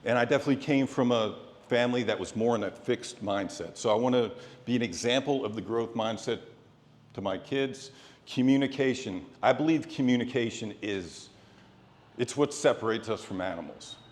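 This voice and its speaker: A man's voice: mid-range voice, moderate pace. Man giving motivational speech in echoey hall. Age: middle-aged. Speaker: motivational speaker. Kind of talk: prepared motivational speech with a sports theme. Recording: echoey hall with long reverb.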